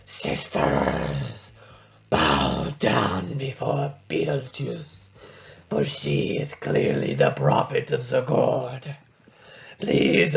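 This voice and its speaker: Gal doing a creepy hooded cultist, deep breathy whisper, slow and solemn, gravelly low rasp. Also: female voice, full character voice. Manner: solemn, ominous, drawn-out. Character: sinister hooded cultist chanting in unison.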